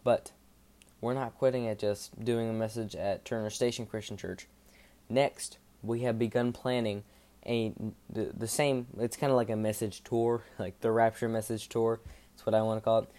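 Monotone man with a low, mellow voice. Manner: informal, rambling, halting self-corrections. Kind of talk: casual devotional podcast talk.

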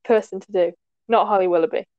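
A woman's voice: medium pitch, fairly even intonation, fast, a little mellow, no room sound, highs cut off. A woman guest on a casual podcast, self-deprecating and giggly. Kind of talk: casual chat.

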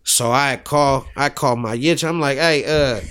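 A man's voice: mid-range voice, a little slow, a bit bright, clear, resonant tone. A man, a rapper guest on a podcast, telling a story in a loose, laid-back way with lots of fillers. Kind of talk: casual storytelling chat.

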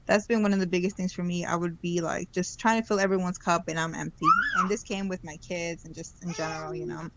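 A woman in her twenties speaks as a guest on a podcast. She talks in a reflective, hesitant way, pausing with ums and restarting her sentences, in a slightly low voice. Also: fairly even intonation, a little hiss or hum, low-quality recording. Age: 20s. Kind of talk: casual conversational interview.

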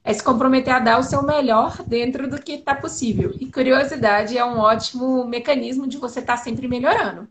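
A Brazilian woman hosting a casual conversation in an enthusiastic, expressive and informal way. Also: high voice, brisk, hardly any pauses. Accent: Brazilian Portuguese. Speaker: host. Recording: faint background noise.

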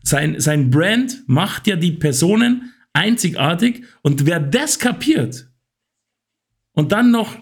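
A man's voice: a little high, very animated, takes it slowly, breathy edge. A man hosting a podcast, rambling through examples in casual chat. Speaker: podcast host.

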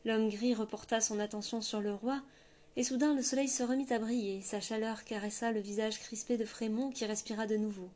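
A woman narrating a fantasy novel in a steady, measured storytelling voice. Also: a little high. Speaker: audiobook narrator. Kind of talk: scripted narration.

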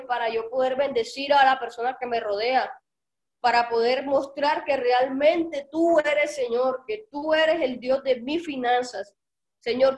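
Woman preacher, fairly high voice, leads prayer with fervent, commanding, repeated declarations. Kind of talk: sermon with guided prayer.

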